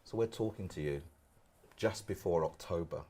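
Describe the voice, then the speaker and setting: A male interviewer with a low voice opens the conversation and asks the questions. He talks in a chatty, encouraging way. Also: normal speed, mellow.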